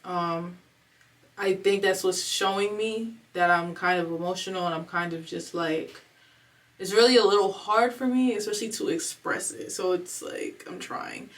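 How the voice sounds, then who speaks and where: Fighting back tears, a twenty-something vlogger rambles through a candid, slangy confession in a casual home video. She speaks at a normal speed in a lowish voice. The mic picks her up from a bit of a distance.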